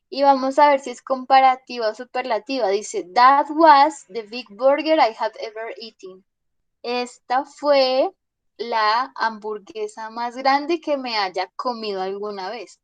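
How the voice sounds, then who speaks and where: Slow, patient woman English teacher. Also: on the high side, dry recording. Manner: patient, checks in with "listo?" often. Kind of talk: online class explanation.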